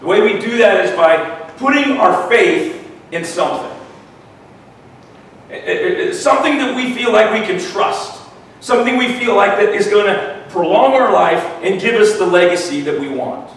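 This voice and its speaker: A man preaches conversationally in a weak, thin, rather high voice. He often doubles back on his words and tags points with a questioning "right?". The recording is very echoey, picked up from well away from the mic. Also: animated, normal speed, fairly bright tone. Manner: repeats words and seeks agreement with "right?". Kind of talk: conversational sermon. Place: large echoey room, worship gathering. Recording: echoey room, distant mic, faint noise.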